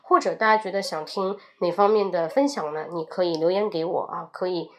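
A woman teaching English as a host, repeating English phrases slowly with emphasis and explaining them in Mandarin. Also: lowish voice, steady tone. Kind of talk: audio English lesson.

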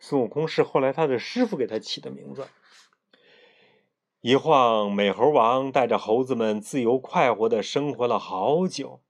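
A storyteller narrating a classic tale for children, gentle and expressive, trailing off softly at line ends. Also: medium pitch, moderate pace.

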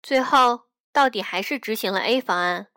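A woman reading a story aloud in a gentle, intimate storytelling manner, acting out the dialogue as she goes. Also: a little high, normal speed, no room sound. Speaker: radio reader. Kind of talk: storybook narration over music. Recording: dry close mic with soft background music.

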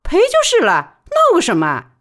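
A woman voicing a feisty, blunt working woman who speaks loudly, in an audiobook reading. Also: very high-pitched, huge pitch swings, moderate pace, voice pushed up, full character voice. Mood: pleading. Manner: loud, feisty. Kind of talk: audiobook character voice.

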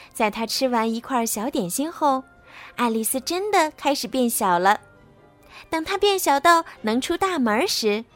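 A woman tells a children's story in an expressive, storybook way. Her voice is high and moves up and down a lot, with faint music playing underneath. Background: soft background music.

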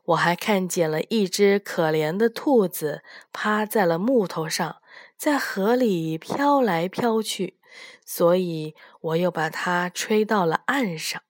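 A woman's voice: lowish voice, slow, no echo, clean studio sound. A woman voicing a mighty, kind-hearted male dragon in a storybook, explaining earnestly.

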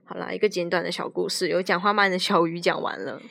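A woman's voice: lowish voice, steady tone, quick pace, creaky, a bit bright, no room sound, studio quality. A young woman co-hosting a podcast, chatting and teasing her co-host casually. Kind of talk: casual chat.

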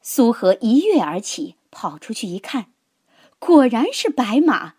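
A woman narrating a children's story in a gentle, expressive, dramatic way. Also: on the high side, unhurried, breathy edge, no room sound, clean studio sound.

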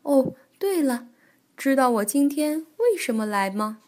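A woman voicing a kindly old grandmother bear in a children's storybook, speaking softly and lower than her own voice. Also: sing-song, measured pace. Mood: gentle. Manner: soft, kindly, soothing.

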